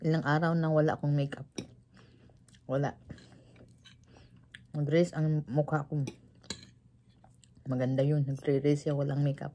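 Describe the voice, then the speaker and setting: A woman with a Filipino accent chats in a relaxed way, her mouth full and chewing as she talks. Her voice sits low. Cutlery and dishes clatter clearly around her at a home table. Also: a little slow, pauses often, a little hiss or hum. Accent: Filipino (Cebuano-Tagalog mix). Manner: relaxed, chatty, repeats words. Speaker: mukbang vlogger. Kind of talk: casual eating vlog chat.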